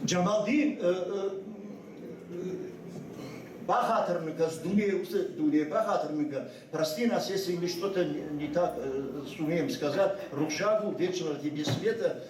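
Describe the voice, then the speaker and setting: A high-voiced older man, a native Ossetian speaker, addresses a memorial ceremony as a guest, speaking without a script in an echoing school hall. He's far from the mic amid background noise, and he hesitates and restarts frequently.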